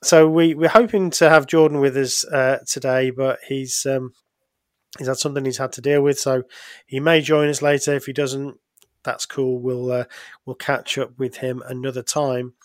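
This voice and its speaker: A man's voice: medium pitch, little pitch movement, normal speed, no echo, clean studio sound. A middle-aged man hosting a podcast in casual chat, talking hesitantly with many ums and restarts. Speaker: podcast host.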